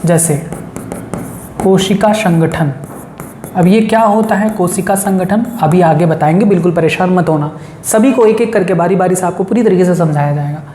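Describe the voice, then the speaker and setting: Lady teacher running thru a list over n over, mellow voice, echoey room. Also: on the low side, normal speed, a little hiss or hum. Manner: drills lists, repeats lines for memorizing. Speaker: biology teacher. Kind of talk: classroom lesson. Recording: roomy echo.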